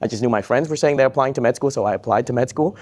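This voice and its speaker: A man's voice: medium pitch, racing, a little mellow. A man from Vietnam who works as a psychiatrist, giving a live question-and-answer talk to students, upbeat and joking, repeating each question back.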